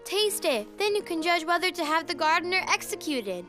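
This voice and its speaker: Very high, sweet young storybook princess, voiced by a woman. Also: big pitch swings, normal speed, a bit bright, faint music behind, exaggerated voice. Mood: pleading.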